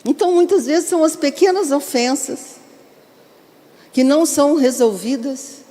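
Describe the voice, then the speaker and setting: A woman's voice: high-pitched, moderate pace, dark tone. Woman preaching in a reverberant church. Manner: earnest and exhorting, with direct questions to the congregation. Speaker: bishop and pastor. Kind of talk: sermon. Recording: long reverb of a large hall.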